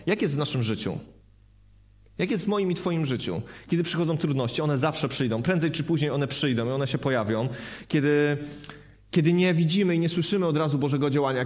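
A man preaching a sermon, earnest, repeating phrases for emphasis and putting rhetorical questions to his listeners. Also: fairly high pitch.

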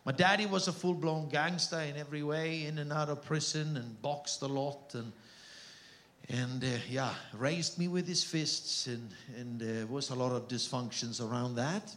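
This is a middle-aged Austrian German-accented man preaching as a visiting missionary, bantering with and calling out to the people in a church hall. His voice is mid-range and fairly bright, at a moderate pace.

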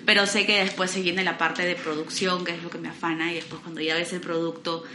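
A woman's voice: lowish voice, little pitch movement, fairly quick, pushed and bright, roomy sound, a little hiss or hum. A Peruvian woman hosting a podcast, chatting casually and encouraging her guest. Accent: Peruvian Spanish. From Peru. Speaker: podcast host. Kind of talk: casual interview chat.

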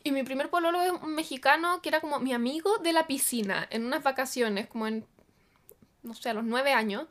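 A woman's voice: sits high, a little fast, fairly bright tone. A young woman with a Chilean accent in casual chat, slangy and self-mocking as she tells a story. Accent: Chilean Spanish. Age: young adult.

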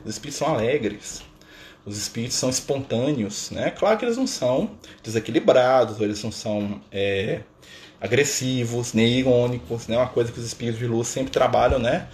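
A man's voice: mid-range voice, a little fast, darkish tone, slight background noise. A man talking casually to viewers in a spiritual live stream, chatty and playful, tagging sentences with little questions. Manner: chatty, constant "né?" tags, playful asides.

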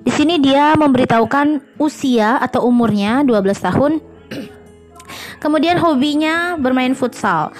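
A woman teacher talks through her students' recordings on a podcast, patient and explanatory. Her voice sits somewhat high, and she often pauses on hesitant fillers as she explains. Faint music plays quietly behind her. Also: animated. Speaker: English teacher and podcast host.

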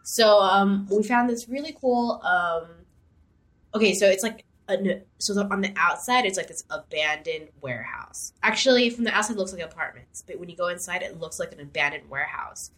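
A woman's voice: medium pitch, animated, moderate pace, fairly bright tone. A young woman co-hosting a podcast in casual chat, rambling with many fillers and restarts. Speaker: podcast co-host.

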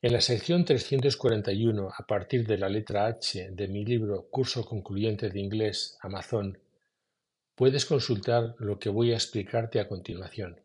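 A man teaching English in a scripted podcast lesson, explaining at a measured pace and saying each example slowly. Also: on the low side, darkish tone, husky.

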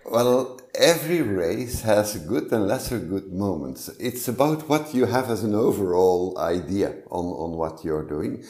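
A middle-aged man from Flanders with a Flemish accent, speaking as a podcast guest in a measured, hesitant way with many fillers. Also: lowish voice, animated, dark tone, reverberant. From Flanders, Belgium. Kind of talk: casual interview talk.

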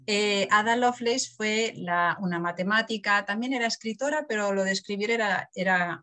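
A middle-aged woman from Barcelona, an author telling stories in a casual interview and laughing often. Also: medium pitch. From Barcelona, Spain. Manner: animated storyteller, acts out quotes, laughs often.

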